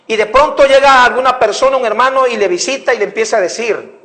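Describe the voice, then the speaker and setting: A man's voice: extremely high pitch, fast talker, pushed and bright. A man preaching a sermon, emphatic, repeating his phrases and speaking directly to the congregation. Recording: echoey hall.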